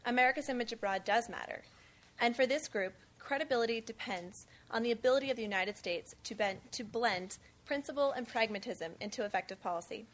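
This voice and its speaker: Young woman, measured scripted delivery, introduces a panel on stage, voice pitched a bit high. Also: fairly bright tone. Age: 20s. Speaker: event speaker introducing a panel. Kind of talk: formal prepared remarks. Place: conference event on stage.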